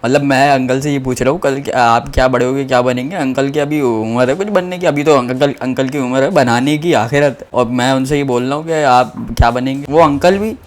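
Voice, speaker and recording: A man's voice: mid-range voice, fairly quick, hardly any pauses. A young man telling a comic story about himself in a rambling, self-mocking way with many restarts. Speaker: comedian.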